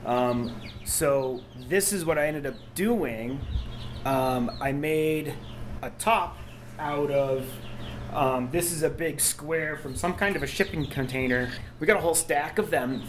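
Speaking a little slowly in a voice on the high side, a man in his thirties narrates a homestead how-to vlog in his basement workshop. He's laid-back and rambling, with many ums. His body-worn action camera records a noisy basement where chickens cluck and chicks cheep.

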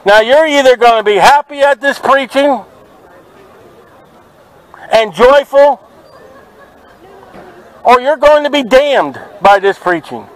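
A man preaching outdoors at a market, forceful and confrontational, quoting scripture to passers-by. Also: extremely high pitch, animated, takes it slowly, long pauses, some chatter behind, rough recording. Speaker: street preacher. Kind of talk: open-air street preaching. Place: outdoors at a city market by traffic.

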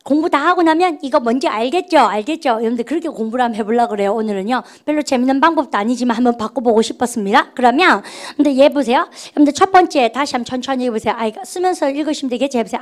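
A woman teaching a grammar lecture in a notably high voice. She drills her class with call-and-response prompts. Her delivery is chatty and playful, and she refers to herself as the teacher.

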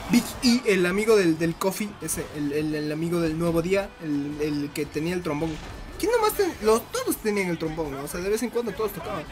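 A man giving casual gameplay commentary, excitable, laughing often and shrieking when hit. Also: high-pitched. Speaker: gaming commentator.

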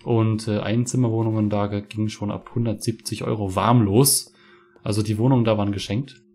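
A young man with a warm, somewhat low voice talks fairly quickly in a steady tone. In his twenties and from Mecklenburg-Vorpommern in northeastern Germany, he streams games from a home room with a webcam and headset, offering casual let's play commentary that's chatty, full of rants and freely profane.

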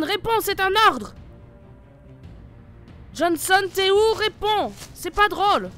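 A woman's voice: mid-range voice, a bit bright, lightly acted. A woman voicing a tough female squad leader in an amateur horror audio drama, giving curt, commanding orders. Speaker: team leader.

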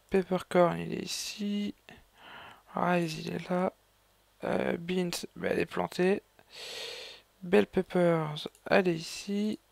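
Rambling man narrating his gameplay, gravelly voice. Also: high-pitched. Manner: rambling, hesitant, with many fillers and self-corrections. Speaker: gaming video host. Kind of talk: casual gameplay commentary. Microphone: raised gaming mic.

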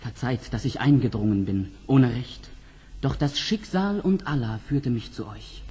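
Noble young prince, husky, sweeping intonation, earnest formal declamation, fairy-tale audio play. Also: male voice, medium pitch, sing-song, measured pace, mellow, exaggerated voice. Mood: courteous, earnest. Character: ardent young Persian prince, noble and courteous.

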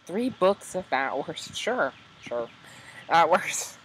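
A man hosting a video, casually commenting with many hesitant ums as he tries out story software. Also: a little high, big pitch swings, slow, slight background noise, rough recording.

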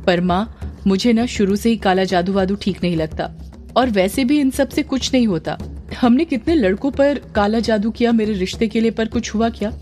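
A woman's voice: medium pitch, normal speed, warm tone, soft background music, natural voice. A woman doing a shy young woman. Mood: reluctant. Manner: shy, hesitant. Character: shy young woman, about twenty-three.

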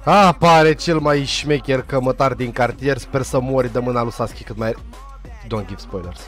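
A young man casually and jokingly recapping an anime episode, full of slang and quick asides. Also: mid-range voice, a bit bright, faint music behind. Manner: slangy, joking, puts on quick voices for characters. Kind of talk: casual comedic recap narration.

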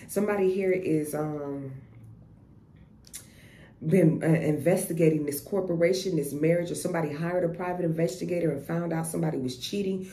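A woman with a low, mellow voice gives a casual tarot reading, blunt and profane, often repeating herself and starting over. The room is echoey with faint noise.

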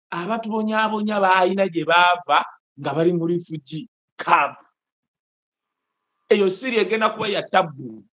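A Ugandan man in his forties giving emphatic, animated political commentary over a video call from an indoor room. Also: sits high. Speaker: host. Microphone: video call webcam.

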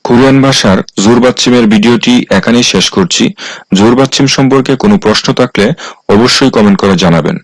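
Male tutor, mid-pitched, slow and repetitive rule-by-rule explaining, dry close sound. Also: no room sound, rough recording. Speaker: language teacher. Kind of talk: explaining rules in a lesson.

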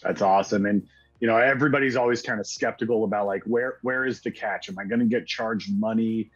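A man's voice: lowish voice, brisk, breathy edge, highs cut off, faint music behind. A man in his thirties hosting a company video interview over a video call, upbeat and conversational. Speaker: host.

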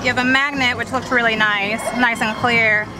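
A woman's voice: fairly high pitch, steady tone, moderate pace. A woman co-hosting a vlog, commenting casually on souvenirs. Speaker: vlog co-host. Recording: loud music and crowd behind.

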